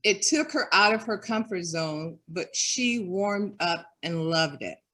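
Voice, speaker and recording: A woman speaks as a guest in an online interview, earnest and heartfelt. She talks at an unhurried pace. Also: fairly low pitch, lively intonation, a bit bright. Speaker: development director.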